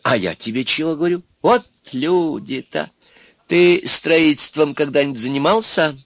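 A man voicing a scheming, cruel old witch in an audiobook, with a hoarse, coaxing voice that turns shrill. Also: moderate pace, no room sound. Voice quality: hoarse laugh. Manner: coaxing, then shrill and shouting. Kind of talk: audiobook character voice.

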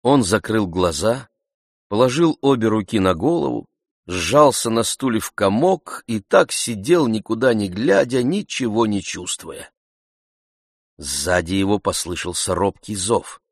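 A man narrating an audiobook in a measured, even-toned way. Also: on the low side, dry recording, studio quality. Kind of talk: audiobook reading.

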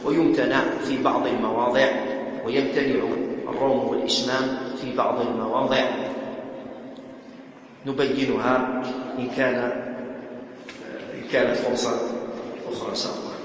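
Sheikh teaching in an echoing mosque. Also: male voice, mid-range voice, flat delivery. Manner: slow, sung demonstrations of Quranic verses between explanations. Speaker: Quran recitation teacher. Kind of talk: explaining a recitation poem in a mosque class. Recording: echoey hall with faint background noise.

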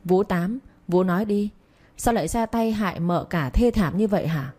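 A woman's voice: medium pitch, normal speed, warm tone, natural voice. A woman reading the part of a young master who sternly interrogates a servant. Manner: cold, commanding questioning.

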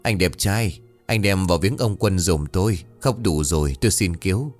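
A man voicing a young village man who wails a hired funeral lament in a drawn-out, sing-song way, in a storybook tale. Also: sits low, soft background music, close to an everyday voice. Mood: rude, annoyed.

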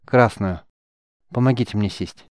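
A man's voice: lowish voice, a little slow, darkish tone, no echo, clean studio sound, natural voice. A man voicing a stubborn, hot-tempered young mage who is badly wounded and talks in a strained, urgent way.

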